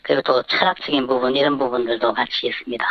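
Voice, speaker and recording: Anonymous guest w/ voice-changer disguised voice, dull lo-fi dry sound, slow careful answers. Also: medium pitch, steady tone, vocal fry, no echo. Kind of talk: radio interview answers.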